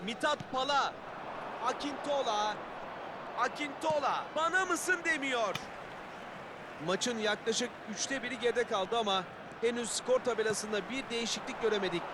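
A man's voice: very high voice, moderate pace. A man doing play-by-play football match commentary. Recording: loud stadium-like background noise.

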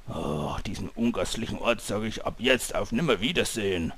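A man voicing a grumpy old robber chief from a video game, muttering sarcastically in a gravelly voice. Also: fairly low pitch, expressive, normal speed. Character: grumpy, booming old robber chief, big male brute with hearty mockery. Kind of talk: hobby dub of video game dialogue.

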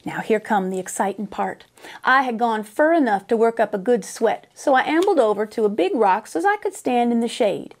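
A middle-aged woman from the US reads a children's story in a voice that's a little high, keeping a moderate pace. She drawls in an expressive, folksy Western dialect, recorded indoors with a lapel mic.

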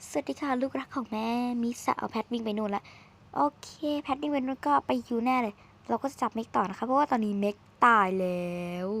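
Woman gaming streamer, high voice, chatty and teasing, lots of exclaiming, desk mic. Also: fairly bright tone. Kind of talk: casual game commentary.

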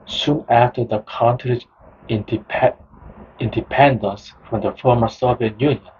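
A man narrating a nonfiction book in the first person, in a slow, measured reading style. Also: lowish voice, a little hiss or hum. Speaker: audiobook narrator. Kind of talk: scripted narration. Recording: dull lo-fi sound.

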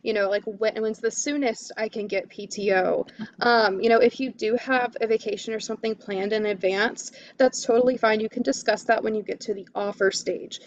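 A woman's voice: mid-range voice, steady tone, normal speed, highs cut off. A woman career coach giving interview tips in a webinar, enthusiastic, with lots of "you know" and "um". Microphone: video call.

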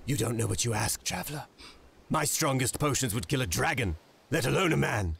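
A man playing a proud goblin-like potion merchant in a video game, giving a gruff, haughty pitch full of grave warnings in a raspy voice. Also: lively intonation, brisk, fairly bright tone, exaggerated voice.

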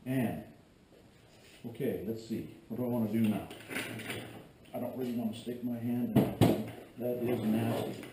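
A man's voice: mid-range voice, steady tone, moderate pace, pauses often. A middle-aged man hosting a casual how-to vlog, joking and rambling while he works in a cluttered garage workshop, filmed from a camera set back from him. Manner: joking, rambling, chatty asides while working. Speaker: fishing video host. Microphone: far camera on a tripod. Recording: echoey garage with faint hum.

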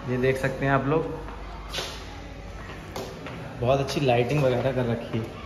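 A man's voice: medium pitch, steady tone, a little slow, background noise. A young man with a Bareilly Hindi accent, vlogging casually as he walks through a restaurant at night and chats to his viewers, recorded on a phone held at arm's length. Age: young adult. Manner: upbeat, repetitive, addresses viewers as friends. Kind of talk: casual walking vlog narration. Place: restaurant halls and outdoor courtyard at night. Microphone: phone selfie camera at arm's length.

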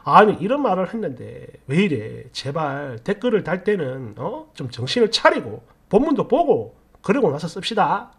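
Animated woman story narrator. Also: fairly low pitch, normal speed, hardly any pauses, slightly rough. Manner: animated, emotive storytelling with asides to listeners. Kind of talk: dramatized first-person story reading.

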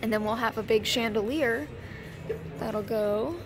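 A woman vlogger with a hoarse voice, chatting casually and rambling, with lots of ums and trailing thoughts. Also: a little high, unhurried, over music. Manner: chatty and rambling, with frequent fillers. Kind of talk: casual vlog chat.

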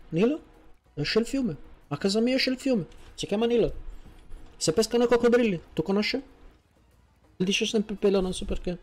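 A man voicing a chatty, flattering Egyptian man from Cairo in a game role-play, speaking in broken, simplified sentences and repeating his words. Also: high voice. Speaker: streamer role-playing a character.

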